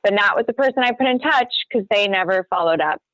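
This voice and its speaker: A woman co-hosting an online real estate training, chatting casually as she walks through a screen-share tutorial with quick apologetic asides. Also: medium pitch, expressive, fairly bright tone, dry recording. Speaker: real estate agent and co-host. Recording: dull, dry lo-fi video call.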